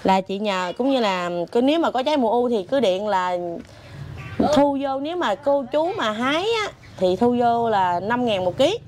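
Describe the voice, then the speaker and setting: A woman's voice: on the high side, normal speed, a little hiss or hum. A woman, telling her family's story in casual chat. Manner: animated storytelling with laughs. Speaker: interviewee.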